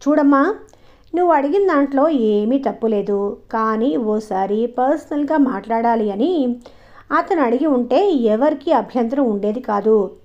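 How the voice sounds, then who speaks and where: A composed young daughter who speaks in a gently firm, reasoning way, voiced by a woman reading an audio story. Her voice sits a little high. The audio is slightly dull and lo-fi. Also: animated, measured pace. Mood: calm, reasoning. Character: calm, self-assured young woman, a grown daughter.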